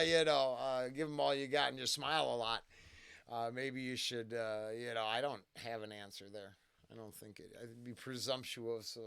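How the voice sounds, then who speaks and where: A man's voice: mid-range voice, vocal fry, fairly bright tone, smooth, no room sound. A man hosting a casual first-listen music reaction, talking in a rambling, tangential way with lots of fillers and restarts.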